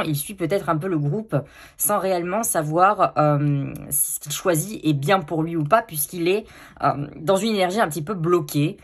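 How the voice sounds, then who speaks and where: A woman giving a chatty tarot card reading, with frequent fillers and self-corrections. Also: sits low. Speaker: tarot reader. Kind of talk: casual card-reading video.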